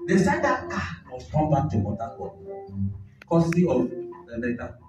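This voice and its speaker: A man's voice: a little high, moderate pace. Nigerian man testifying in an echoey hall. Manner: animated, mixes pidgin, shouts call-and-response. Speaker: church minister giving testimony. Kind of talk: testimony in a church service. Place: large church hall. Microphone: handheld microphone. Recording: echoey hall, far mic, dull sound with music.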